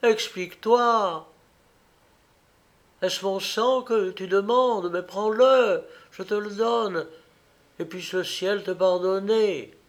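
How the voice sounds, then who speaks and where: A frantic young wife from a dark fairy tale, as a male reader puts her on. Her voice climbs high and trembles with anguish and accusation. She speaks slowly, each plea stretched out. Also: fairly even intonation. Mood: pleading. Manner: pleading, then frantic and accusing.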